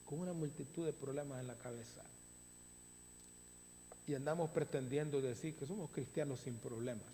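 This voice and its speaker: A man preaching a sermon as pastor, stressing words with long dramatic pauses, recorded in a church sanctuary. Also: mid-range voice, warm tone. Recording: reverberant hall, faint hum.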